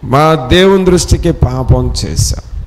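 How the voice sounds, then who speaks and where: A man's voice: a little high, animated, measured pace. A man preaching a sermon who exhorts his listeners with repeated rhetorical questions and leads a scripture reading line by line. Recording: long reverb in a church hall.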